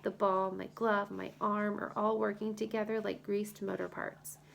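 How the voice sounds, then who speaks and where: A woman reading a first-person children's novel as audiobook narrator, in a lively storytelling manner. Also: mid-range voice, normal speed, vocal fry, slight background noise.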